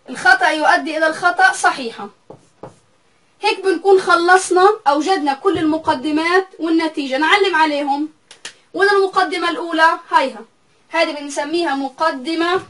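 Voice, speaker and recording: A woman with a high, fairly bright voice gives a recorded math lecture, working through the material step by step and saying each value aloud more than once. The mic is some distance away, so she sounds a little distant.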